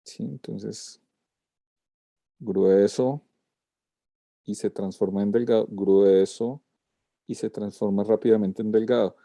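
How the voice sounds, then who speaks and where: A man's voice: on the low side, fairly even intonation, slow, vocal fry, long pauses, mellow, no room sound, clean studio sound. A man, a lettering teacher giving a student feedback over a video call, walking through corrections step by step. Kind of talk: class critique of student work.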